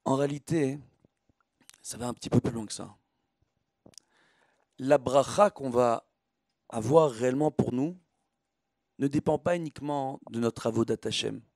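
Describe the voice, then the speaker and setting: A man with a medium-pitched, slightly mellow voice speaks at normal speed with long pauses, recorded in studio quality with no echo. He is a rabbi giving a religious lecture, a sermon built on everyday analogies. He teaches emphatically, repeating himself and posing rhetorical questions.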